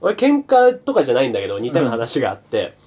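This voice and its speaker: A man's voice: mid-range voice, huge pitch swings, racing, a little mellow, breathy edge. A man hosting a podcast in casual chat, laughing as he tells a story and imitating an announcer. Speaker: podcast host.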